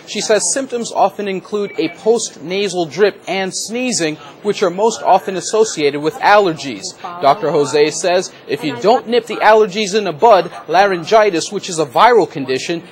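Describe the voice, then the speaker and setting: An American man delivering a scripted television news report as a reporter. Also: sits high.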